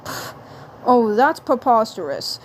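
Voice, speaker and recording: A woman's voice: a little high, very animated, a little hiss or hum. Woman voicing Marvin the Martian, prim and pompous. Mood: haughty. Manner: prim, haughty, slow and deliberate. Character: pompous male Martian, self-styled gentleman. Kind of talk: fan story reading.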